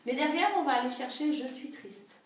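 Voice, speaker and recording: Speaking at a normal pace in a high voice, a woman runs a workshop for a small group in a room. Her teaching style is chatty, full of tag questions that check on her listeners. The recording picks her up from a distance in a heavily echoing space.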